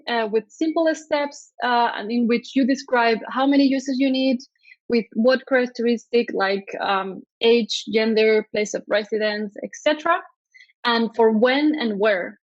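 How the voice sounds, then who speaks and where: A woman from Spain with a Spanish accent presents at a conference via video call, her voice on the high side and a little slow. The sound has no echo but the highs are cut off, and she's hesitant, often saying um and uh.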